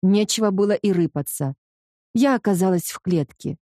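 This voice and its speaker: A woman's voice: medium pitch, moderate pace, warm tone, no echo. A woman narrating a first-person romance audiobook in an earnest, emotional way, close to the mic.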